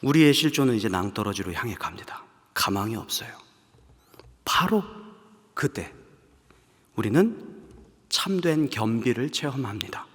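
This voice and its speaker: A man preaching a sermon as pastor, moving between fervent raised passages and hushed whispers. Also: medium pitch, lively intonation, a little slow, long pauses, breathy edge. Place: large church sanctuary. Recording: long hall reverb from a large church.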